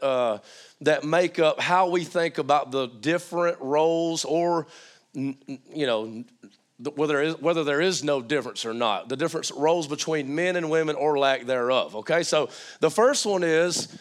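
A man's voice: fairly high pitch, moderate pace. A man preaching an informal teaching sermon, checking in with listeners through questions, his voice strained as it recovers from being lost.

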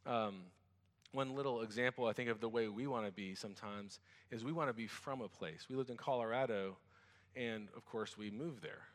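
A man's voice: medium pitch, normal speed, long reverb tail. A man preaching as a pastor. He reads scripture, prays, then talks to the congregation in a conversational way with restarts and asides. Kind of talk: sermon with scripture reading and prayer.

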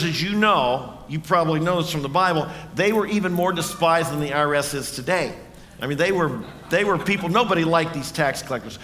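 A man's voice: on the high side, sharp tone, in a large hall, slight background noise. A man preaching a sermon in a church, earnest and conversational, often asking the congregation questions. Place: church sanctuary.

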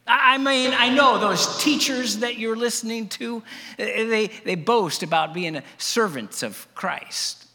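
A man's voice: sits high, creaky, sharp tone, husky, long reverb tail, heavily acted. A man playing a stammering, sarcastic Apostle Paul. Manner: halting, stammering, heavy with irony. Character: Apostle Paul, male, reluctantly boasting, sarcastic. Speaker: actor in a first-person biblical monologue. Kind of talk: dramatic monologue to a congregation.

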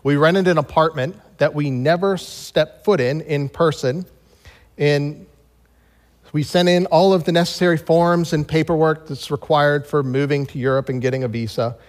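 An American pastor with a high-leaning voice preaches to a congregation at a normal pace and fairly even intonation, alternating between reading scripture and telling personal stories. The large, reverberant room adds a long hall reverb to the recording.

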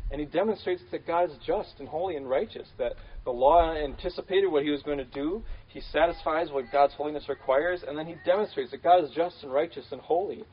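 A man's voice: a little high, slightly rough. Casual male preacher, slightly dull recording. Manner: casual, filler-heavy, repeats key phrases. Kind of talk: conversational sermon.

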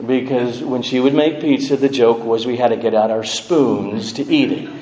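A middle-aged American man giving a tender eulogy for his mother, speaking in a measured, halting way with pauses. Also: medium pitch, a little mellow. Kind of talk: eulogy speech at a memorial service. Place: large echoing room at a funeral service. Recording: echoey hall, faint background noise.

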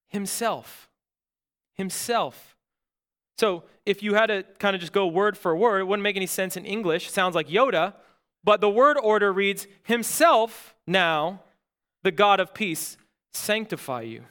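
A man preaching a sermon as pastor, earnest and emphatic, with dramatic pauses, asking the congregation questions and answering them himself. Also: sits high, a bit bright.

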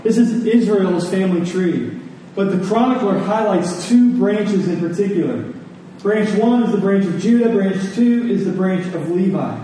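The preacher sits high in pitch with a mellow tone and a normal speed, pressing his message to the congregation through rhetorical questions and repetition. A distant mic in a very reverberant room picks him up along with faint noise.

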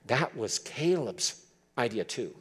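This sermon comes from a man in his seventies with a husky, slightly bright, medium-pitched voice that moves slowly in a sing-song way. He earnestly reads verses aloud and then explains them.

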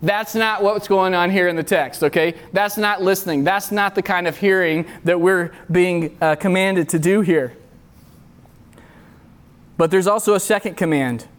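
A man's voice: sits high, normal speed. A middle-aged man preaching a sermon at a youth retreat, earnest and repeating key phrases for emphasis. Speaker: youth pastor. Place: retreat meeting room.

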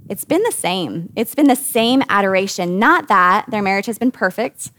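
A woman in her thirties from the United States gives a talk to a women's group as their Bible study teacher. She speaks in an earnest, conversational way with lively emphasis. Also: medium pitch, no room sound.

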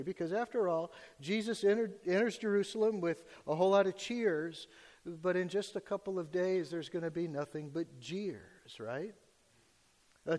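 A man's voice: high-pitched, a little mellow. American male pastor at a pulpit microphone, reverberant hall. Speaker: pastor preaching to a congregation. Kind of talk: expository sermon. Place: large church hall.

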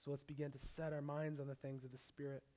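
A young man preaching a sermon as a pastor, mixing scripture with a relaxed personal story. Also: fairly high pitch, fast talker.

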